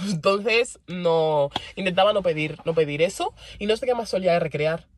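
A young woman with a Spain Spanish accent, chatting casually to her viewers, animated and laughing often, repeating words for emphasis. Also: fairly low pitch, moderate pace, slight background noise. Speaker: vlogger. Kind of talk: casual chat to camera.

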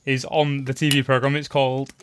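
A man hosting a podcast in loud, matey, laddish banter with friends, casual and chatty. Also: medium pitch, little pitch movement, fairly quick, smooth, dry recording. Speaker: podcast host.

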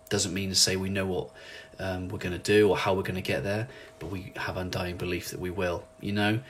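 Man, leadership coach, motivational monologue, animated and ranting, slightly low-pitched. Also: slight background noise. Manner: animated, ranting, acts out quotes in lively voices.

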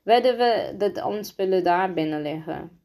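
A woman reading a storybook aloud and voicing a young boy who plots in a low, confident tone. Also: unhurried, mellow, lightly acted. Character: young boy, scheming and sure of himself.

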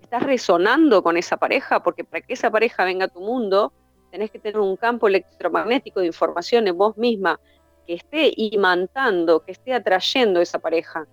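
A woman's voice: medium pitch, fairly quick, dry recording, soft background music. A woman who runs workshops, talking in a flowing, teacherly way and building her points through lists. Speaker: workshop facilitator. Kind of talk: reflective conversation. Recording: dull lo-fi sound.

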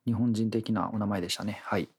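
Raspy man with Kyoto accent. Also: on the low side, fairly even intonation, rapid-fire, darkish tone. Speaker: podcast co-host. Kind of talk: casual chat.

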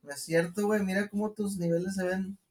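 A man's voice: high-pitched, fairly even intonation, brisk, a little mellow, recorded from a distance. A man with a Mexican accent, co-hosting a casual chat, teasing and slangy with plenty of swearing. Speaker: podcast co-host. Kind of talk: casual chat reviewing dating profiles.

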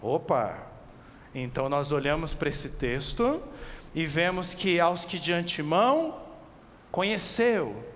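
A high-pitched Brazilian man preaches with lively energy, firing questions at his listeners and drawing out key words for weight. His voice rings through a church hall with a long echo tail, over a faint hum of background noise. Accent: Brazilian Portuguese. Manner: animated, asks the listeners direct questions, slows for emphasis. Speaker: pastor. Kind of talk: expository sermon.

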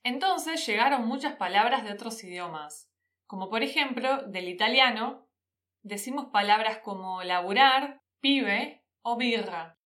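A woman from Buenos Aires province with a Rioplatense Argentine accent, speaking in a fairly high voice. She hosts a podcast and talks the listener through the language casually, full of local slang and informal address. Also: lively intonation, unhurried, fairly bright tone. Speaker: podcast host teaching Spanish. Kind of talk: friendly explanatory podcast talk.

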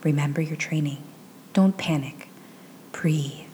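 A woman reader voicing a clever young witch in a soft, often whispered tone, in a fan audiobook. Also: low-pitched, steady tone, a little slow, a little hiss or hum. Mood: shaken whisper.

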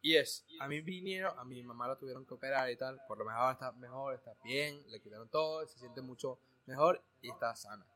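A man's voice: mid-range voice, brisk, hardly any pauses, pushed and bright. A young man with a plain, mid-range voice chats easily with a friend. He jokes, laughs at himself and keeps stumbling over words before pushing on. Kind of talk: casual chat.

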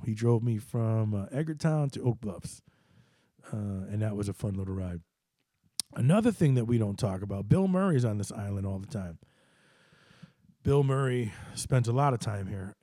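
A man's voice: mid-range voice, warm tone, dry recording. A middle-aged man hosting his own show, telling loose, rambling, self-deprecating stories and often jumping into quoted voices. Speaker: host. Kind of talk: casual storytelling monologue.

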